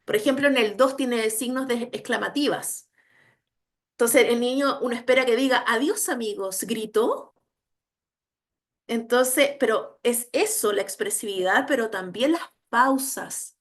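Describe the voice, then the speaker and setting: Woman, instructor, emphatic, high-pitched, lecture style. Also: normal speed. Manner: emphatic, checks understanding with frequent tag questions. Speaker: educational psychology instructor. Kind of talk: online training lecture.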